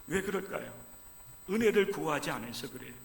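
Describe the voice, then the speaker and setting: A man preaching a sermon as pastor during a church service, swinging from loud fervent pleading down to hushed, low lines. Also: animated, brisk, vocal fry, slight background noise. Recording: echoey church sanctuary.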